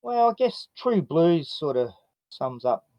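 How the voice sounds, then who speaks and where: Lively older Australian man, plain-spoken tradesman manner. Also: fairly high pitch, a little slow, dry recording. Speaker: interview guest. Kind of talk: casual chat. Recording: dry, slightly dull microphone sound.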